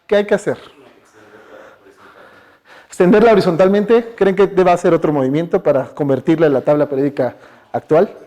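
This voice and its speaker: A man's voice: a little high, mellow. Chatty Mexican man giving a science talk. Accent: Mexican Spanish. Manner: chatty, asks the audience questions, many fillers. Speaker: guest speaker. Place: university lecture hall.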